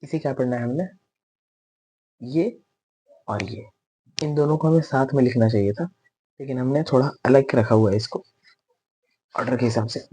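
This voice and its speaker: Male teacher, husky voice, patient step-by-step pronunciation lesson with slow repeated drills. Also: mid-range voice, steady tone, dark tone. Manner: patient, repeats letter sounds slowly for students to copy. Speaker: Tajweed teacher.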